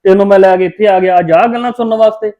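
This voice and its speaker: A man's voice: high-pitched, steady tone, fast, dull audio. A man with a Punjabi accent playing a boastful, teasing brother in a family drama. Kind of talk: Punjabi web-series acting.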